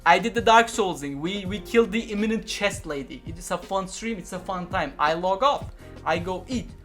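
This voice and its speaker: Young man, high voice, casual profane streamer banter, faint music under. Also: normal speed, fairly bright tone. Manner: rambling, profane, repeats himself. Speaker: VTuber streamer.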